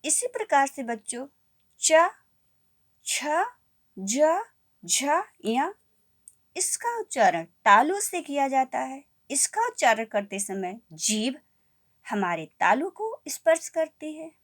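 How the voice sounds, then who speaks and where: Slow, lively-voiced woman teacher. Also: high voice. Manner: slow, repeating key points and asking the class questions. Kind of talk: classroom lesson.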